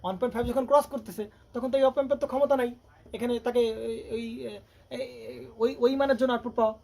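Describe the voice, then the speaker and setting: Teaching an electronics class, a man with a very high voice keeps a steady, darkish tone while rapidly firing rhetorical questions at his students. There's faint noise in the background.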